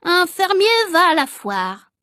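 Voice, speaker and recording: A woman voicing a prim, whiny schoolboy in a storybook, speaking slowly and pleadingly. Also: sing-song, bright, forceful tone, dry recording, clean studio sound, full character voice. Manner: high-pitched and whiny, slow and pleading.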